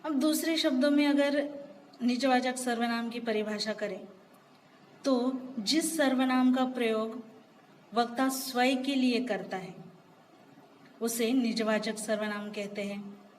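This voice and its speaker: A woman gives a grammar lesson at a slow, deliberate pace, patiently working through example after example. Her voice sits a little high for a woman. A faint long reverb and light background noise hang behind her. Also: steady tone. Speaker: teacher.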